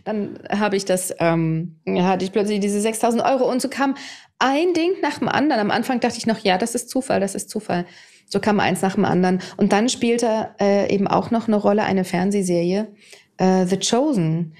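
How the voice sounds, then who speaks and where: A woman in her fifties, a TV presenter, telling her personal story to an interviewer in a candid, animated way. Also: medium pitch, moderate pace. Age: 50s. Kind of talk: personal testimony in conversation.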